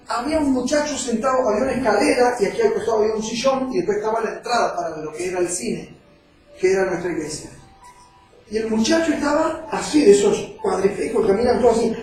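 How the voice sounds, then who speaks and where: A high-voiced man preaches, weaving personal testimony into his sermon with heartfelt storytelling. His voice sounds distant from the mic and bounces around a very echoey hall. Faint music plays underneath. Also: darkish tone. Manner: emotional storytelling preacher, acting out quoted voices. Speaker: evangelist.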